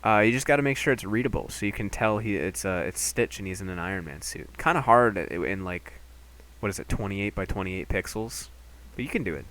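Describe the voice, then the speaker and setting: A man's voice: lowish voice, fairly quick. A young man streaming a game, chatting casually and joking with his viewers. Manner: chatty, jokey, animated.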